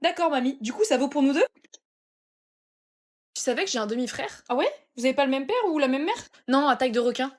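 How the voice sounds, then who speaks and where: A woman's voice: sits high, expressive, brisk. A young woman performing comedy sketches, snappy and sarcastic, switching between characters.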